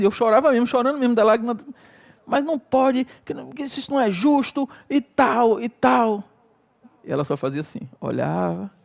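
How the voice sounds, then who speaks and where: The preacher here is a middle-aged Brazilian man whose voice sits high for a male and carries a darkish tone. His sermon wanders like a story as he acts out prayers and exclamations, and his Brazilian Portuguese accent is evident all through.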